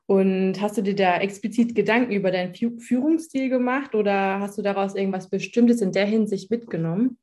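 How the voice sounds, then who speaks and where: Mellow-voiced woman interviewer. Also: mid-range voice, fairly quick, hardly any pauses. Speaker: podcast host. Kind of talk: interview questions.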